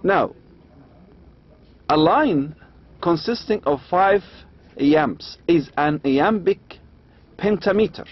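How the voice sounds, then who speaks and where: A man with an Arabic accent lecturing on poetry, reading slowly and adding quick asides. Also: fairly high pitch, lively intonation. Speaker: university lecturer. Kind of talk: lecture explaining English meter, mixing English and Arabic. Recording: dull lo-fi lecture recording.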